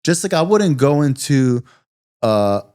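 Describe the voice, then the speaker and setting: A man's voice: mid-range voice, big pitch swings, unhurried, darkish tone, no echo, clean studio sound. A man from South Florida, a guest on a podcast, talking loosely in casual conversation with lots of fillers and asides. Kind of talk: casual interview talk.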